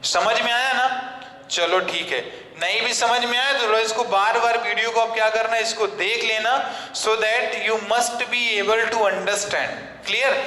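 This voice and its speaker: A man lectures on English grammar with a sharp, bright voice, firing questions at his class and answering them himself. He slows right down for deliberate English phrases. The classroom rings with a long, echoey reverb. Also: high voice, fairly even intonation.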